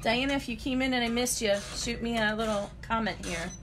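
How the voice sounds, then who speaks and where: A woman's voice: fairly high pitch, fairly quick. Woman, chatty live-stream craft demo, step-by-step talk, faint background noise. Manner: chatty, greets viewers, talks through each step. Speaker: embroidery demonstrator.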